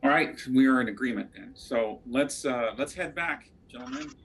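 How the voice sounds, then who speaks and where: A man plays a tabletop game, thinking out loud with frequent pauses and fillers. His voice sits at an ordinary middle pitch. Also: breathy edge. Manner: hesitant, many fillers. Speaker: player. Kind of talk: tabletop game play, casual chat.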